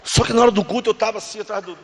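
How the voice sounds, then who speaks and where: A man with a Brazilian Portuguese accent preaching a sermon, moving from quiet storytelling to shouted, emotional appeals. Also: high voice, steady tone, rapid-fire, slight background noise. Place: large church.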